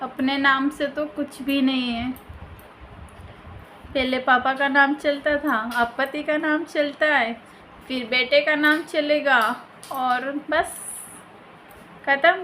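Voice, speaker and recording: Woman vlogger, high and bright, emphatic venting to camera at home. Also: fairly even intonation, takes it slowly, long pauses, slight background noise. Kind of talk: casual chat to camera. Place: her own house, indoors.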